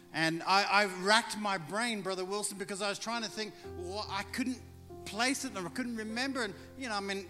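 Bright-voiced missionary preacher in hall. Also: male voice, fairly high pitch. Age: middle-aged. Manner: folksy, exclamatory, with joking asides. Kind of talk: informal church address. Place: large indoor church, speaking from pulpit. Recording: reverberant hall, music behind.

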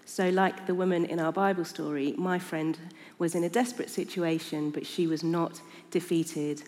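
A woman's voice: on the low side, steady tone, moderate pace, a little mellow. A woman giving an earnest, conversational sermon in a church. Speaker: preacher. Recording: long reverb of a church hall.

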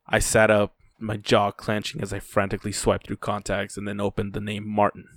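A man's voice: fairly low pitch, completely flat delivery, normal speed, fairly bright tone, no echo. A man narrating a first-person story in a dry, weary telling.

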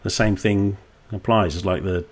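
A man's voice: low voice, fairly even intonation, moderate pace. A man with a Suffolk accent speaking as a coach being interviewed, candid and casual, reflecting and sometimes acting out bits of dialogue. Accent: Suffolk English. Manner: candid, swears casually, acts out quoted dialogue.

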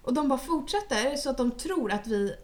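A young woman, chatting casually and bluntly, telling stories with plenty of swearing. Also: sits high. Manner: blunt, animated storytelling, swears freely. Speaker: podcast co-host. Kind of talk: casual chat.

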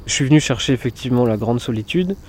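A young man in his twenties talks in a relaxed, unhurried way, often pausing on fillers and restarting his sentences. His voice sits at a middle pitch. He sounds like someone chatting to a camera crew about his own life. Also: a little hiss or hum. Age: 20s. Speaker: forest cabin dweller. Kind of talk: casual documentary interview. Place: in a forest cabin.

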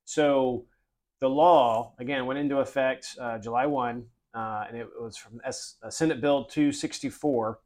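Guy hosting a chatty podcast, mid-pitched, explains stuff steady with some uhs. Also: measured pace. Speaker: podcast host. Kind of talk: casual podcast chat.

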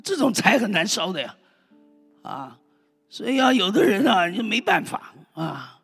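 Brief: high, husky male preacher, emphatic and fervent, calling to the congregation; hall echo, faint music behind. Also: sing-song, a little slow, fairly bright tone. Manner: emphatic, exclaims and calls out to the congregation. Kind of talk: fervent sermon.

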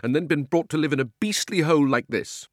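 A man's voice: a little high, a little fast, dry recording, clean studio sound, voice pushed up, lightly acted. A man voicing an upset, defiant young country schoolboy with a British accent in a storybook reading, speaking emphatically. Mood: miserable, angry. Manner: indignant, emphatic, old-fashioned British schoolboy talk.

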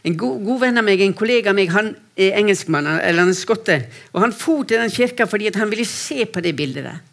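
A man preaching a sermon to a congregation, earnest and storytelling, often restarting phrases and moving between quiet and raised delivery. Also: high voice, lively intonation, creaky. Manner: earnest, repeats words when restarting, shifts between soft and raised voice. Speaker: preacher speaking for a mission to persecuted Christians. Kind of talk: sermon with personal stories.

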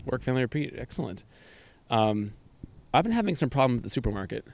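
A man's voice: quick pace, vocal fry, dry recording. A man hosting a casual podcast, telling stories animatedly on an outdoor deck. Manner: animated storyteller, jumps to high pitch for quoted reactions. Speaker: podcast host. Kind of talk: casual chat.

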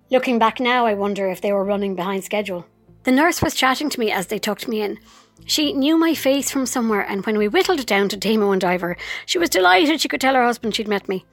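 An actress narrating a personal memoir in a wry, vivid way, with sudden outbursts. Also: female voice, a little high.

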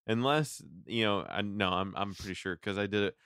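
A man's voice: on the low side, moderate pace, fairly bright tone, clear, resonant tone, dry recording, clean studio sound. A man co-hosting a recap podcast in loose, conversational chat. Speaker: podcast co-host.

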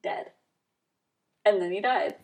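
A woman in a casual movie discussion, talking in a relaxed, conversational way with quick reactions. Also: mid-range voice.

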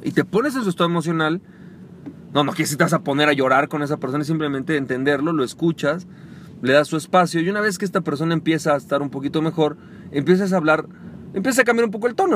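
A man hosting a podcast, coaching listeners on sales and acting out short dialogues in a calmer, lower voice. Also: a little hiss or hum. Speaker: podcast host. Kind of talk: motivational sales talk.

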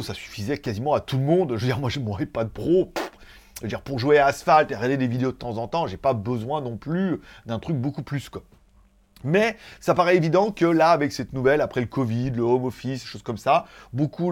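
A man hosting a casual tech news show, rambling through asides and laughing at his own jokes. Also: mid-range voice. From France. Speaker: tech YouTuber host.

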